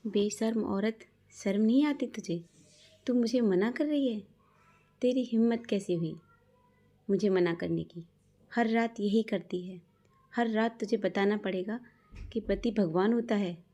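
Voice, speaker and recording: A woman reads the part of a drunken, cruel husband in a narrated story. He hurls insults and threats at his wife, his voice low and mellow rather than bright. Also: measured pace. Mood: drunken rage.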